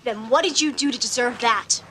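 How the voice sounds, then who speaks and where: A woman's voice: on the high side, moderate pace, background noise, lightly acted. An actress playing a defiant teenage daughter who confronts her mother sharply.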